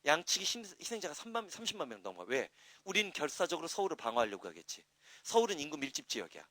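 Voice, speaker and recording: Male teacher, middle-aged, classroom lecture, dry close sound, higher pitch, chatty. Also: fast talker, no room sound. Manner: lively, talkative, asks and answers his own questions. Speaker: English teacher.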